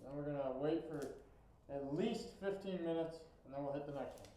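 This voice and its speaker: Through a respirator mask in his home shed, a man with a fairly high, mellow voice talks at a moderate pace while spray painting and demonstrating the job. The low-quality recording is reverberant with a little hiss or hum, and this DIY vlogger keeps his shop talk relaxed and enthusiastic.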